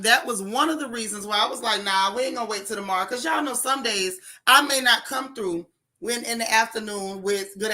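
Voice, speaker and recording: Female livestream news host, wheezy rasp, forceful edge, casual but emphatic delivery with repeated phrases. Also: mid-range voice. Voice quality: raspy, wheezy voice. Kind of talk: casual livestream talk, answering viewer comments.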